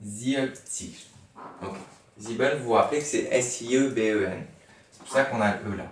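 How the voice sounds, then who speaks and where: A man's voice: medium pitch, normal speed, slight background noise. A man teaching a lesson, spelling words out letter by letter and patiently repeating each one as he thinks aloud. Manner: patient, repeats each word several times. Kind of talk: explaining a language lesson to a class. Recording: echoey room, voice far from the mic.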